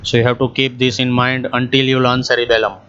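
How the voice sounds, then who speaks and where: Man, anatomy teacher, very slow, flat delivery, smooth clear voice, slightly muffled recording. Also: mid-range voice. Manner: mixes Hindi and English, walks through a diagram step by step. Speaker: anatomy lecturer. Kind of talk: slow, deliberate medical lecture.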